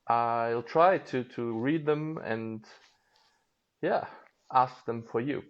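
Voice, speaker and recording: Slow and unhurried, this man's mid-range voice comes through a muffled phone livestream. Hosting for a label, he carries a German accent from his half German, half Japanese background and keeps the casual interview chatty, laughing frequently amid many fillers.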